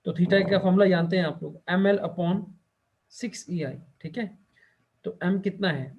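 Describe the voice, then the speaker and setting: A male teacher lecturing a class, who keeps asking the students questions and fills his pauses with the same short check-in phrase. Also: sits high, dull audio, a little hiss or hum. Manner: quizzes students and fills pauses with "theek hai".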